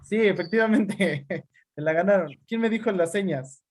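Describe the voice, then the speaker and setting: Over a video call, a man gives an online class lecture, calling on students by name and explaining with examples. His voice sits high and he keeps a moderate pace.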